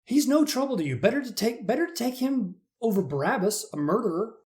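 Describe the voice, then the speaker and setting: A man's voice: very high voice, big pitch swings, fairly quick, a little mellow, voice pushed up. A man playing a frantic pleading Roman governor. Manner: raised, pleading voice.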